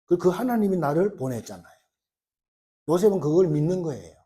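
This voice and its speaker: A male pastor delivering a sermon in a fairly high, mellow voice. His pitch swings widely as he tells stories and acts out the lines of the people in them. He keeps the congregation engaged the whole time. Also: fairly quick, breathy edge. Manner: animated storytelling, acting out quoted lines.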